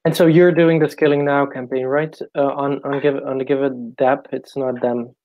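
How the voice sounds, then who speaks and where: A man's voice: medium pitch, little pitch movement, normal speed, no room sound. A man leading an online team meeting, working through agenda items with short checks. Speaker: meeting facilitator. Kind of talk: casual meeting talk. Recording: dry, dull lo-fi call audio.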